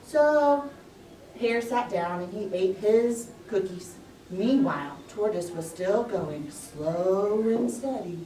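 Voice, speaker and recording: A woman with a mid-range, mellow voice narrates a story live to a pre-school class, speaking slowly with lively intonation and simple, expressive phrasing for young children. The distant recording mic captures an echoey room with faint noise.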